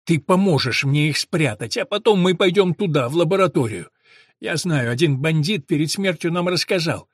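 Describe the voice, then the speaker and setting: A man reading an audiobook, voicing a heavy, half-mad drunk man who begs and rants in a loud, strained voice. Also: a little high, animated, normal speed, breathy edge, dry recording, studio quality. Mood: frantic. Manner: wailing, begging, half-mad. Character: heavy drunk older man, pleading and frantic. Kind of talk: audiobook character voice.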